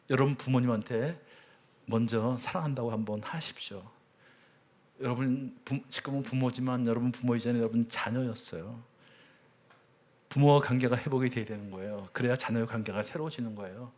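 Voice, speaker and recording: A middle-aged man preaching a sermon as a church elder, telling stories with sudden swings between loud cries and hushed words. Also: mid-range voice. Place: church sanctuary.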